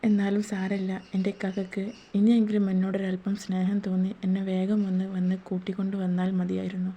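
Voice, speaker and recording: A woman's voice: mid-range voice, monotone, fast, close to an everyday voice. A woman doing a sad young wife. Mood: pleading. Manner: soft, pleading.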